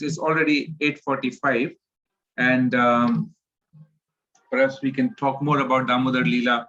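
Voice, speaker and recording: A man giving an earnest devotional sermon, telling a story with many halting fillers and repeats. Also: medium pitch, a bit bright. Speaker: preacher. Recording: dull lo-fi recording.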